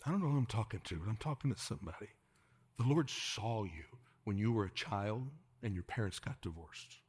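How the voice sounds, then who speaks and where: A man preaching a sermon to a congregation in a church, dropping to hushed whispers and rising to urgent calls, and leading the room in call-and-response. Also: on the low side, expressive, fairly quick, husky. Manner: swings from hushed whispers to raised exhortation, calls the congregation to repeat. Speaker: pastor.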